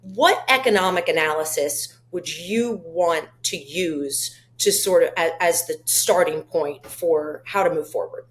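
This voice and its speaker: A woman's voice: sits low, a little slow, few pauses. A woman co-hosting a political interview, asking questions in a chatty, exasperated way. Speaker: co-host.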